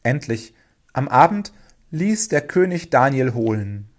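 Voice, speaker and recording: A man reading a children's storybook aloud, lively and expressive. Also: medium pitch, measured pace. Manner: expressive, lively, acts out dialogue.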